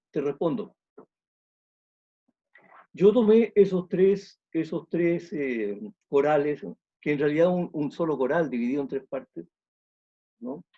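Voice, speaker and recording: A man's voice: on the high side, mellow, slightly rough, dull audio. A man, an orchestra conductor giving an online music talk, explaining thoughtfully and repeating phrases as he thinks.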